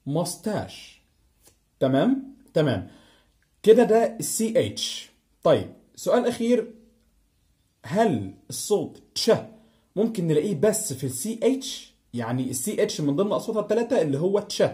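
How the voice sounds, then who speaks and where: Animated, mellow-voiced Egyptian teacher. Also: male voice, fairly high pitch. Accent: Egyptian Arabic. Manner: repeats each example word slowly several times, checks with "okay?". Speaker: English pronunciation teacher. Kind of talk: online pronunciation lesson.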